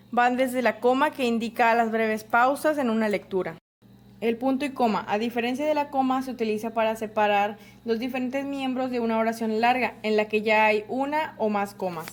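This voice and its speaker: A woman reading a spelling and grammar lesson aloud, with a steady, list-like delivery of rules and examples. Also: on the high side. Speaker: teacher.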